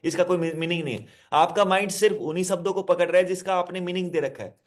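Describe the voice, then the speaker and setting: Male hypnotherapist, somewhat high voice, instructive self-help lesson, repeats each point and speaks straight to the listener. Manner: repetitive, instructive, addresses listener directly; explains with simple word examples.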